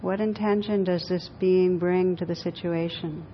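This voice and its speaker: Slow, gentle woman guiding meditation, muffled recording. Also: on the low side, steady tone. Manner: gentle, unhurried, pausing and repeating phrases. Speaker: meditation teacher leading a group. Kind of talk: guided meditation, then informal group discussion. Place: room with a group audience. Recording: dull lo-fi live recording, faint noise.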